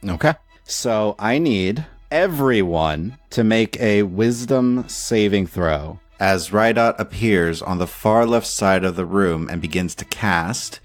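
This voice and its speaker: A man narrating and running a tabletop game as game master, telling the story with lively energy. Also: on the low side, slow, dry recording, soft background music. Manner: lively storytelling, laughs often.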